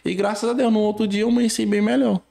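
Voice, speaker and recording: Mellow-voiced man in easygoing chat. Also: high voice, fast, vocal fry. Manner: relaxed, repetitive, with many fillers. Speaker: podcast co-host. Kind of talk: casual podcast chat.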